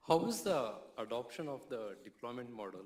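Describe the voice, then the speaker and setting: A man's voice: medium pitch, sing-song, a little fast, roomy sound. A man in the audience asking a question, searching for words and rephrasing as he goes.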